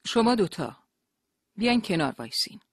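A narrator voicing a harsh male soldier who shouts rough orders in an audiobook. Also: medium pitch, big pitch swings, no room sound, studio quality, voice pushed up, heavily acted. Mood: harsh shouting.

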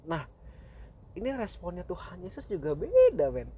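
Slangy young man, high-ish voice. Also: huge pitch swings, moderate pace, dark tone, muffled recording, slight background noise. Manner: slangy, laid-back, many fillers and laughs. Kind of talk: casual faith talk.

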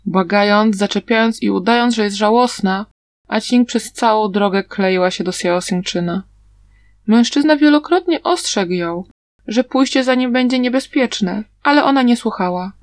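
A woman narrating a story aloud in an even, steady reading manner. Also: mid-range voice, moderate pace, dry recording. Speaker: audiobook narrator.

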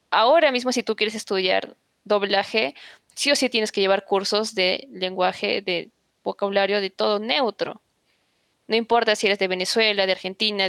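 A woman's voice: mid-range voice, creaky, a bit bright, no room sound. A woman, a podcast guest in casual chat, telling anecdotes and explaining things at length.

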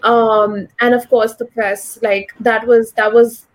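A female economist of about thirty, interviewed as a guest, talks slowly in a level tone with a voice on the high side. She has a posh, educated Delhi Indian English accent. Her conversational answers are articulate and opinionated, sprinkled with "like" and "you know."

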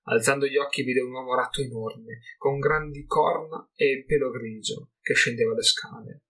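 A man narrates a fantasy audiobook in a measured, dramatic manner. His voice is bright and forceful, with a husky grain running through it. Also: medium pitch, fairly even intonation. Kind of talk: scripted narration.

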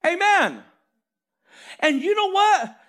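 A man preaching a lively, conversational sermon as pastor, telling stories animatedly and calling for amens. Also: very high voice, takes it slowly. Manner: animated storytelling, calls for amens.

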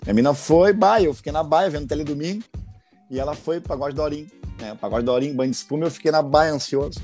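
Male comic guest, rio grande do sul accent, rattles off slangy anecdotes quick, a bit high-pitched. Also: faint music behind. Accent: Rio Grande do Sul Portuguese. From Porto Alegre, southern Brazil. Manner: animated, full of slang and exclamations. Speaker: comedian guest. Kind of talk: casual storytelling chat.

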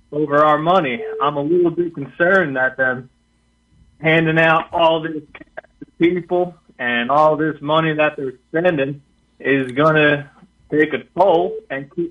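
Older man calling in over a phone. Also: fairly high pitch. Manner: hesitant, halting with many fillers. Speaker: caller. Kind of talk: call-in radio talk. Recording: tinny distant phone line.

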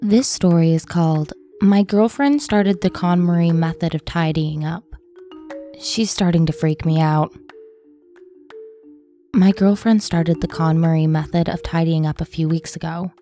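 A woman narrating horror stories in a soft, measured reading voice. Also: on the low side, soft background music. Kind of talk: scripted horror story narration.

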